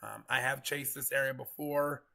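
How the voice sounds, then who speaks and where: A man with a gravelly, congested voice from getting over a cold, giving casual, rambling live storm coverage commentary. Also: mid-range voice, steady tone, moderate pace, pushed and bright. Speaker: live weather stream host, storm chaser.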